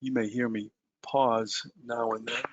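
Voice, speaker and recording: A man's voice: medium pitch, flat delivery, measured pace. A man presenting a live trading webinar, talking to his listeners in a loose conversational way with frequent "uh" and "um" fillers. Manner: conversational, many "uh" and "um" fillers, addresses listeners directly.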